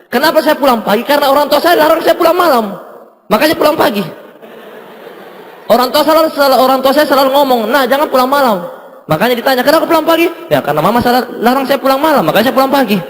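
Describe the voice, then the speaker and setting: A man tells a motivational story to a seminar crowd, with a very high voice that leaps around, acting out both sides of each exchange and laughing often. His voice rings with a long reverb from a large hall. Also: fast. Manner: animated, laughs often, acts out dialogue. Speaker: guest speaker at a business seminar.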